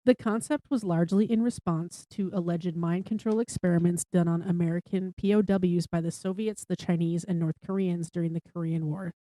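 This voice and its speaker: A woman's voice: fairly low pitch, fairly even intonation, a little fast, hardly any pauses, dark tone, no room sound. A woman co-hosting a podcast in casual chat, swearing freely and saying "like" a lot. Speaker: podcast co-host.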